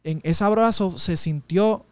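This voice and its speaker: Man, interview guest, emotional testimony, slightly high and dry-sounding. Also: a little slow, dry recording. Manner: intense, emotional storytelling with street slang. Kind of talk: personal testimony in conversation.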